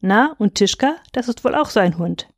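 A woman's voice: mid-range voice, expressive, normal speed, dry recording, studio quality. A woman reading aloud, voicing a domineering male estate steward who taunts and mocks. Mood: scornful. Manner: scornful, taunting.

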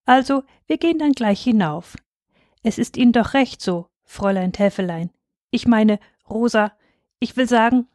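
A woman's voice: a little high, expressive, normal speed, darkish tone, no echo, clean studio sound, voice pushed up, natural voice. A woman voicing a flustered young husband. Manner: eager, stumbling over words. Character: flustered young newlywed man.

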